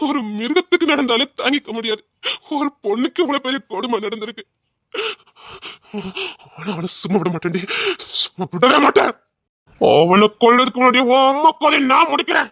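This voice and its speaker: An actor playing a loyal husband who grieves and rages. He speaks forcefully, choked up, and pleads. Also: very high-pitched, lively intonation, a little fast, no room sound, clean studio sound. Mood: furious grief.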